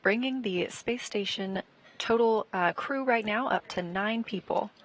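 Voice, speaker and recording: A woman's voice: medium pitch, measured pace, rough recording. A woman working as a broadcast commentator, formally announcing live spaceflight coverage with careful factual detail.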